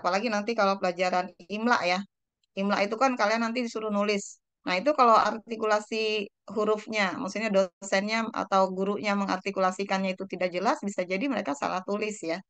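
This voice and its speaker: A woman lecturer talks a class through the lesson in a smooth, clear voice. She hedges with fillers and tag questions and slows down to sound out Arabic words carefully. The sound is dry and close, with hardly any room echo. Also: mid-range voice, fairly bright tone. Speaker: university lecturer.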